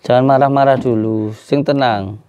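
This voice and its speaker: A man, a spiritual healer calming a distressed person with repeated soothing pleas and murmured prayers. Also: mid-range voice, normal speed, highs cut off, a little hiss or hum. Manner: repetitive, soothing, pleading for calm. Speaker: spiritual healer and channel host.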